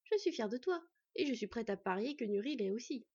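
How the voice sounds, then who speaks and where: A woman voicing a calm, wise she-wolf who speaks in a measured, gently wry way, in a storybook reading. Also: on the high side, husky. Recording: dull lo-fi recording.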